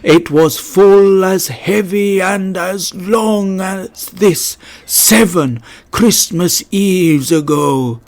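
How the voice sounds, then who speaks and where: Doomed, wailing Jacob Marley's ghost, agonisingly slow. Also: male voice, on the high side, vocal fry, heavily acted. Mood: slow, ominous. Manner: slow, drawn-out, wailing declamation. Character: mournful, doomed ghost of a dead businessman.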